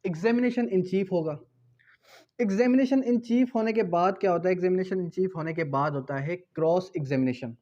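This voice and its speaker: Heard through dull audio, a Pakistani-accented man speaks in a high, dark voice, a little slowly, while teaching law. He repeats key terms and raises questions he answers himself, in a didactic lecture mixing Hindi-Urdu with English legal terms.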